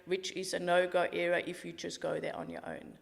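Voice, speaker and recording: In a podcast interview with hall-like reverb, a Swiss walking tour guide in middle age talks with a Swiss accent, sounding both enthusiastic and matter-of-fact. Her voice sits on the low side, level and creaky, moving a little fast.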